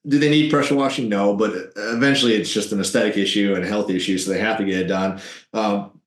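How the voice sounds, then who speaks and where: A man telling business tips in an interview, animated and salesy. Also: lowish voice, roomy sound. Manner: animated, salesy, quick asides. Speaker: guest, business owner.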